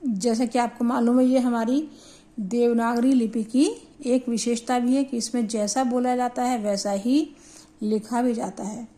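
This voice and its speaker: A woman with a slightly high, steady, mellow voice teaches Hindi grammar, pacing her explanations slowly and carefully as she sounds out syllables for students.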